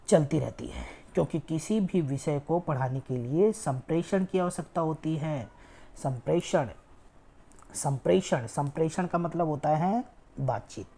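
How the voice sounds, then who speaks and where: A woman's voice: low voice, dark tone, breathy edge. A woman teaching an online exam-prep lecture, explaining step by step and repeating key words for emphasis. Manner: frequent "ठीक है" checks.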